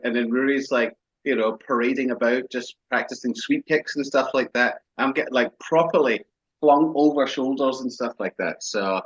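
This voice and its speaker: A man's voice: mid-range voice, fairly bright tone, husky. A man, co-hosting a podcast and telling a story in sweary, casual banter. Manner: sweary storytelling, acts out quotes. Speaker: podcast co-host. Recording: dull lo-fi podcast mic.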